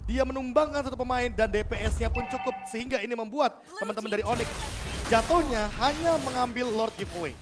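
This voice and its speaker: A man's voice: very high-pitched, brisk. A man with an Indonesian accent explaining plays as an esports analyst caster. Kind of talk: analytical match commentary. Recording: loud music bed under broadcast.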